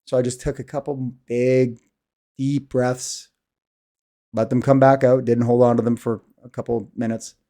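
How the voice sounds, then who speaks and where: A man's voice: mid-range voice, flat delivery, unhurried, mellow. A man in his thirties talking candidly to camera in a casual, rambling monologue, sighing often. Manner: candid, rambling, self-deprecating, sighs often. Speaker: vlogger.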